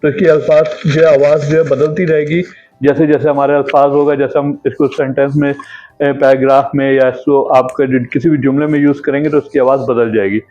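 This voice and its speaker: A man teaching a classroom lesson, explaining slowly with pauses and fillers. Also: mid-range voice, little pitch movement, darkish tone. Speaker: Urdu teacher. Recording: tinny phone-like sound, faint music.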